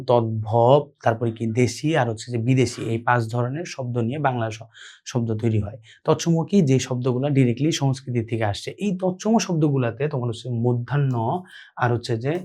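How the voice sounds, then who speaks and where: A man from Bangladesh, teaching an exam-prep grammar lesson. He asks his students questions, answers them himself and keeps checking with "okay?" and "clear?". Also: medium pitch, darkish tone.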